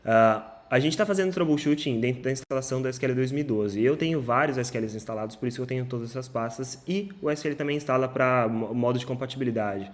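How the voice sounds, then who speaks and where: Man, screen-share tutorial, relaxed instructor, fillers and restarts. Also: medium pitch, fast, hardly any pauses. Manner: casual, many filler "ah"s and self-corrections.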